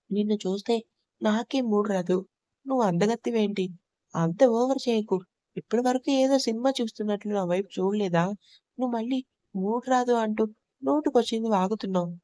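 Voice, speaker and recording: A woman voicing a feisty young woman who is quick to anger and snaps out sharp, scolding retorts in a storybook reading. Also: mid-range voice, dry recording, clean studio sound, lightly acted. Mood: angry.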